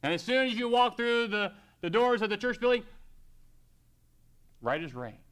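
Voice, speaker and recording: A middle-aged man preaching a sermon in a conversational way, reading scripture slowly and acting out everyday scenes. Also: high voice, big pitch swings, a bit bright, clean tone.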